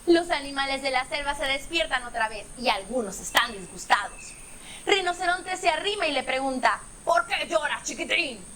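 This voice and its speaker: A woman storyteller reading a children's bedtime story aloud, animated, with playful sound effects. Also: sits high, normal speed, a little hiss or hum.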